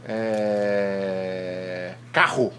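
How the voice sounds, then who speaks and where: A man's voice: low-pitched, level tone, drawn-out words, fairly bright tone, slight background noise. A father at home chatting playfully with his small sons, slipping into baby talk as he coaxes them to repeat words. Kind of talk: casual home video.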